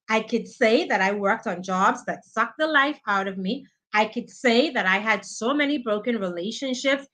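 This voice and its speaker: A woman in her thirties speaks with a high, bright voice in an earnest, preaching way. She hosts a live motivational training and addresses her viewers directly. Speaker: life coach hosting a live training. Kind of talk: live-stream motivational talk.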